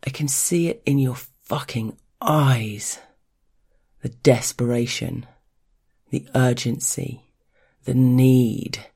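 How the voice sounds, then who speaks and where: An intimate narrator with a creaky, gravelly edge and a middling pitch. The delivery is measured and deliberate, telling an erotic first-person story as if to a single listener. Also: mellow.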